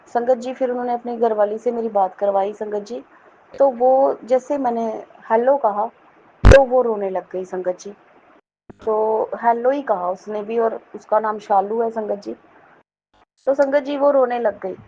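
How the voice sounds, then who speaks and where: A middle-aged woman from Jammu earnestly telling a devotional testimony, often pausing to address her listeners respectfully. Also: fairly high pitch, darkish tone. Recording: dull lo-fi recording with faint noise.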